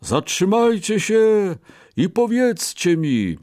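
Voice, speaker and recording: A man voicing a huge sleepy elephant that gets frightened, talking slowly in a raised voice. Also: high voice, big pitch swings, a little mellow, no echo, studio quality, pitched above the performer's own voice, full character voice. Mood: alarmed.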